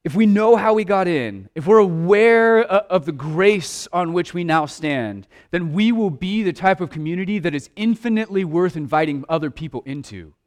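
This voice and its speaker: A man preaching a sermon in an earnest way, stumbling over restarts and at times dropping to a hushed voice. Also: sits high, animated, moderate pace, hardly any pauses. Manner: earnest preaching with repeated restarts, dropping to a hush for quiet asides. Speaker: pastor.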